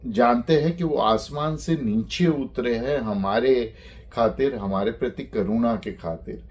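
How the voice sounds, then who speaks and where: A man teaching a lecture on phonetics, speaking deliberately and spelling out sounds one by one. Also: mid-range voice, darkish tone.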